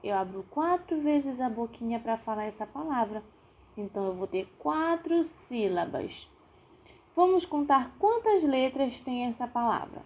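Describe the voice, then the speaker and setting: A woman's voice: a little high, expressive, a little slow, a little mellow. A woman teaching young children in a recorded lesson, with a patient sing-song way of breaking words into syllables. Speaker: primary school teacher.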